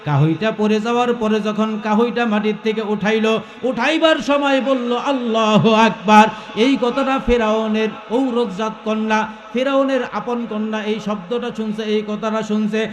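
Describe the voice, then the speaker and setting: A man's voice: high-pitched, fairly even intonation, normal speed, roomy sound, a little hiss or hum. A male preacher telling a story in a sermon, calling out questions to the crowd and breaking into melodic chanting.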